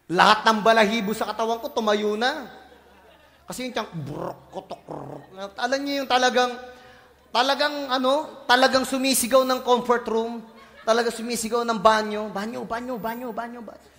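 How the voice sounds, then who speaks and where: A male pastor from the Philippines, preaching a lively sermon full of jokes and playful voices. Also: very high-pitched, normal speed. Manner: animated, joking, playful voices and shouts, mixes English in. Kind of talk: lively sermon with comic asides. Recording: church hall reverb.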